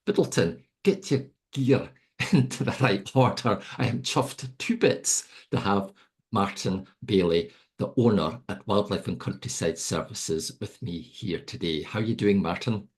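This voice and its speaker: Deep, husky man in his middle years hosting a laid-back, joking podcast chat. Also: measured pace, a little mellow. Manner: chatty, jokey, self-mocking. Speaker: podcast host. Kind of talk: casual interview.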